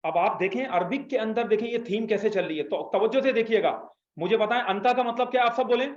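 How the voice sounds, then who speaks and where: A fast-talking man with a high voice leads an Arabic lesson, patiently explaining and asking students to echo him. The recording has an echoey room sound and is slightly dull.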